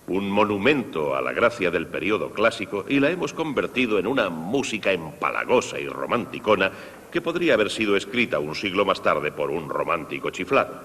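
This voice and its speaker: A man with a low, husky voice teaches young listeners about the orchestra. His pitch swings widely as he explains, speaking straight to the children. The sound carries a long hall reverb. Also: fairly quick. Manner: lively, explanatory, addressing children directly. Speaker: conductor presenting a concert for young people. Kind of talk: Spanish dub of a televised music lesson.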